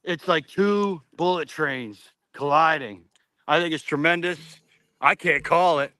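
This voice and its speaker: A man chatting casually about sports in a slangy, animated way. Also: on the high side, unhurried, clear, resonant tone, dry recording.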